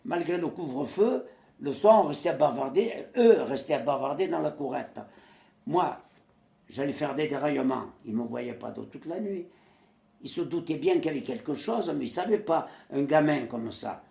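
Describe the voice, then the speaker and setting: In a creaky, medium-pitched voice at moderate speed, a man in his nineties from Marseille, once in the resistance, talks through his wartime past. He is a lively storyteller who imitates quoted voices and hesitates often, heard in a roomy space.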